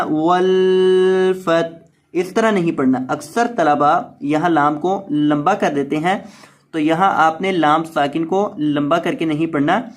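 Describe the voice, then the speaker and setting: High-voiced man teaching slow Quran recitation. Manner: explains rules patiently, then recites words slowly and drawn out. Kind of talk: slow word-by-word tajweed lesson.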